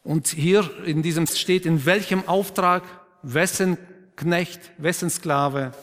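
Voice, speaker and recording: A man preaching a sermon who questions the congregation, affirms their answers, and drops to a quiet, emphatic tone for key points. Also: a little high, steady tone, slow pace. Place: church. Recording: long reverb of a church hall.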